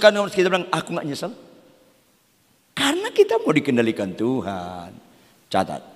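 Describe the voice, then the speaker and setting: A man's voice: high-pitched, fairly bright tone, long reverb tail. A man preaching a fiery sermon as a pastor, firing rhetorical questions at the congregation.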